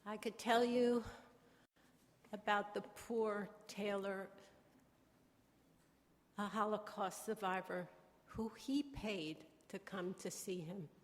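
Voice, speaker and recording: An older woman speaks at her husband's funeral in a memorial chapel, reflective and measured in her delivery. Her pitch stays in a middle range. Long hall reverb fills out each line. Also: steady tone. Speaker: widow of the deceased. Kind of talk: funeral eulogy.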